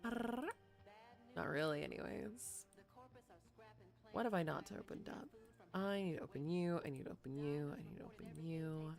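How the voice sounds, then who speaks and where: A woman's voice: deep voice, fairly quick, a little mellow, soft background music. A woman hosting a casual game livestream, chatting effusively and often repeating her words and phrases.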